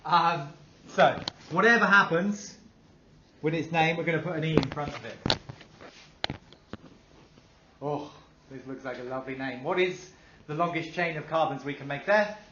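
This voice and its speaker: A man's voice: a little high, a little slow, pauses often, bright, forceful tone, a little hiss or hum. A male teacher giving a classroom lesson, upbeat, asking the class questions and praising their answers. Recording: dull echoey classroom recording.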